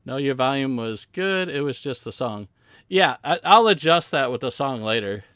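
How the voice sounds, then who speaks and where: A man hosting a casual game live stream from home, rambling softly as he chats with his viewers. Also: medium pitch, animated, moderate pace, dry recording, clean studio sound. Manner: rambling, soft-spoken, chatting with viewers.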